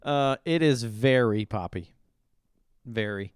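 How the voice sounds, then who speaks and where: A man's voice: medium pitch, slow pace, smooth, no room sound, clean studio sound. A middle-aged man co-hosting a podcast, giving blunt, opinionated song reviews in casual chat. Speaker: podcast co-host reviewing songs.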